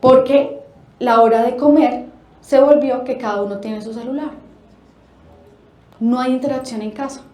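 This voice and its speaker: High-voiced woman lecturing in an echoey hall. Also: normal speed, pauses often. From Colombia. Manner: animated, acts out quotes, asks rhetorical questions. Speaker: speaker at a family forum. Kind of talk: lecture to an audience. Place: forum hall.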